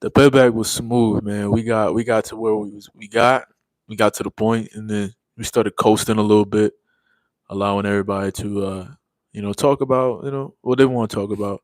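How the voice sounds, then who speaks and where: A man's voice: lowish voice, steady tone, fairly quick, dry recording. A young man hosting a casual livestream in a laid-back, slang-heavy drawl, tired and yawning after a long day. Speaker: livestream host. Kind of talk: casual livestream chat reading comments.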